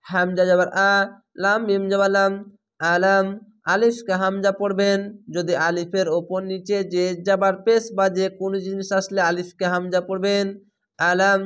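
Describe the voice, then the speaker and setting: High-voiced man spelling out recitation slowly. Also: fairly bright tone, smooth. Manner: patient, repetitive letter-by-letter spelling. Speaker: Quran reading teacher. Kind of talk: slow spelled-out recitation lesson.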